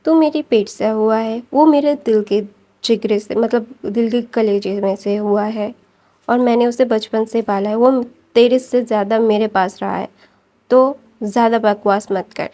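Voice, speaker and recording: A stern elderly grandmother scolds with emphatic force, as a woman storyteller voices her. The voice sits fairly high with a mellow, soft-edged tone. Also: fairly even intonation, close to an everyday voice. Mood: scolding.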